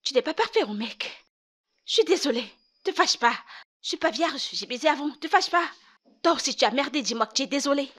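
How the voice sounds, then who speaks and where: A woman's voice: high-pitched, lively intonation, a little fast, fairly bright tone. A woman dubbing a defiant, stubborn young wife in a film drama, talking in heated, repetitive challenges. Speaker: wife in a marriage dispute.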